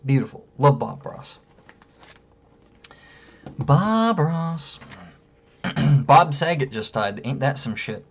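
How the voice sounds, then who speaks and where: Vlogger, male, profane heated rant, mid pitch, dull lo-fi sound. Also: lively intonation, normal speed, a bit bright, slightly rough. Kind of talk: casual rant to camera. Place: room at home.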